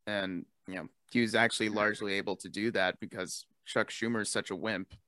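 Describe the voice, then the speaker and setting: A man's voice: lowish voice, steady tone, pushed and bright, dry recording, clean studio sound. A young man co-hosting a casual political podcast, talking loosely with lots of "like" and frequent laughter. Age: young adult. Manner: chatty, peppered with "like", quick to laugh. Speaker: podcast co-host.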